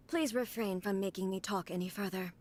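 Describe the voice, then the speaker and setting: A woman voicing a calm, emotionless female puppet ruler in a video game, speaking in a flat, mechanical, computer-like way. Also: medium pitch, a little slow, noisy background, close to an everyday voice. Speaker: game character.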